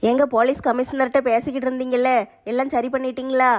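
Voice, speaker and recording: A woman's voice: sits high, flat delivery, quick pace, a little mellow. A woman acting in a homemade family skit, speaking in a soothing, motherly way.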